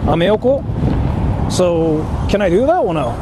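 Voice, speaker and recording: A man with a high, very animated voice speaks unhurriedly, chatting casually and swearing in slang while livestreaming on busy city streets. The outdoor recording is noisy, full of traffic, cars and urban street sounds.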